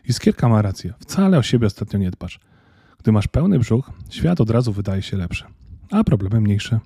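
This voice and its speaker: A man voicing a blunt but gentle male reindeer in a storybook reading, plain-spoken and calm. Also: lowish voice, normal speed, breathy edge, no room sound, studio quality, exaggerated voice.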